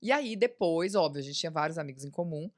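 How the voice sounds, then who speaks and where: A woman tells a story on a podcast. Her pitch swings wide and she talks fast. She acts out each quoted voice on a studio mic. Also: expressive. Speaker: guest. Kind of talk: casual storytelling.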